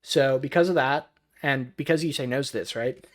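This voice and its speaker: A man streaming his live breakdown of a match, rambling and thinking aloud as he goes. His voice sits at an ordinary middle pitch, and he jumps from one point to the next without much pause. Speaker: streamer analyzing a match broadcast.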